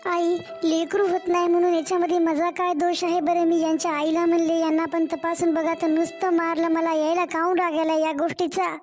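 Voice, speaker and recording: A woman's voice: extremely high pitch, flat delivery, brisk, a little mellow, soft background music. A woman voicing a young, mistreated daughter-in-law in a cartoon story, pleading. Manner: pleading, complaining.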